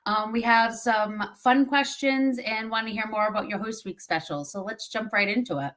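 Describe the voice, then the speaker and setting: A woman with a Massachusetts accent hosting a casual video interview, upbeat and quick to affirm. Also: on the high side, a bit bright. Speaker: interviewer, host.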